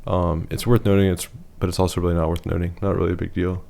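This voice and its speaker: Male presenter with a deep, hoarse voice, for a plain analytical voice-over. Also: little pitch movement, quick pace, mellow. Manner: matter-of-fact, rating things one by one. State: losing his voice.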